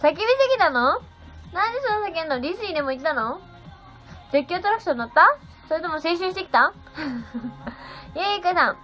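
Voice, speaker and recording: A woman's voice: very high voice, lively intonation, a little fast, pauses often, sharp tone. A seventeen-year-old girl chatting on a phone livestream, bubbly and thanking viewers one by one. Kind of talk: casual livestream chat reading viewer comments. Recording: slightly dull sound with faint music.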